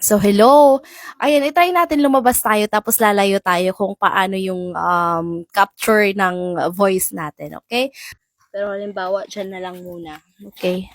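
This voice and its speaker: A woman's voice: mid-range voice, unhurried, no echo. A woman hosting a casual product-demo vlog, chatting to her viewers and calling out hellos while she tests a wireless lapel mic at home and outside. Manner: chatty, calls out hellos to viewers, laughs often. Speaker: vlogger reviewing a wireless mic. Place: home and outdoor yard.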